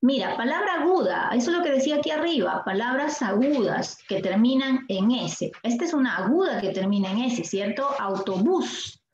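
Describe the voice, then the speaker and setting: A woman teacher with a Peruvian Spanish accent, giving a language lesson and asking the class questions, stretching out example words slowly. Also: fairly high pitch, animated. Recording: echoey room, dull sound, faint noise.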